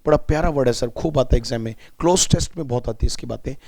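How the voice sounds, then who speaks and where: A man with an Indian accent teaches English vocabulary in a mellow, mid-pitched voice. He breaks each word into parts and has his students repeat after him. The sound is close and dry, with no room echo. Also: racing. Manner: explains words step by step, asks students to repeat. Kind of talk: vocabulary lesson.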